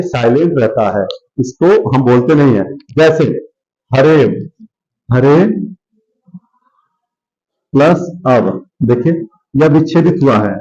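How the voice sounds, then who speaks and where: A man's voice: fairly high pitch, mellow, highs cut off. A male teacher giving a grammar lesson, who repeats words and asks and answers his own questions.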